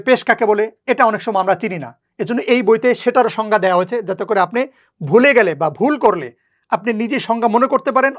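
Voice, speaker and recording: A teacher giving a patient, step-by-step lesson on reading the Quran, repeating each rule slowly. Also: medium pitch.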